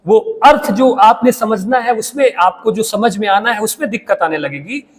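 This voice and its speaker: A man teaching a Hindi lesson, explaining slowly with pauses and checking in with "theek hai". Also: high-pitched, in a large hall. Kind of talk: classroom lecture.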